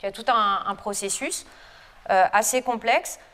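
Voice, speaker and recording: A woman's voice: mid-range voice, moderate pace, a bit bright, big-room sound. A French woman, a lecturer and researcher, giving a chatty, informal conference talk to students with frequent hesitations. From France. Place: lecture hall.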